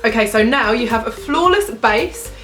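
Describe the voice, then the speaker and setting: A woman's voice: a little high, animated, moderate pace, a bit bright, roomy sound, faint music behind. A young woman vlogger chatting casually and cheerfully through a makeup tutorial, with giggly asides. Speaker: beauty vlogger.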